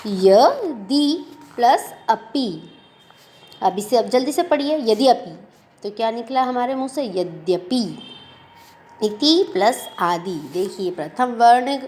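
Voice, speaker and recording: A woman teaching a grammar lesson, sounding out example words slowly and asking questions she then answers herself. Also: fairly high pitch. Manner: slow, drawn-out pronunciation of example words; asks the listener questions and answers them.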